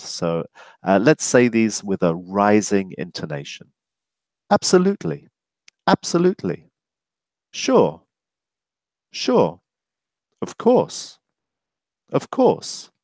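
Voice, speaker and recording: Male ESL teacher, lowish voice, deliberate with fillers, demonstrates phrases aloud. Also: darkish tone, clean tone, no room sound. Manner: slow, deliberate, many fillers, models phrases with rising intonation. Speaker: English teacher. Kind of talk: webinar lesson.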